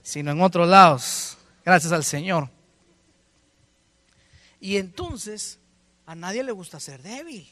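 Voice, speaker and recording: A pastor preaching a sermon to his congregation, swinging between loud exclamations and hushed asides. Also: sits high, animated, slow, pauses often, no echo. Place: church.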